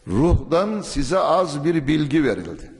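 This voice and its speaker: A man preaching a sermon at a pulpit microphone, in a measured, emphatic way, now and then reciting verses in Arabic. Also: fairly high pitch, very animated, darkish tone. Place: mosque pulpit. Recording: long hall reverb.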